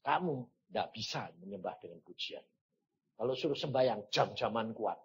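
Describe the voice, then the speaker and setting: God speaking to the preacher in a low, soft, fatherly tone, as an older male preacher puts him on. The husky voice sits quietly under the sermon's usual level, patient and explaining rather than commanding. It comes through a dull, lo-fi sermon recording. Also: lively intonation, moderate pace, full character voice. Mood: gentle, correcting.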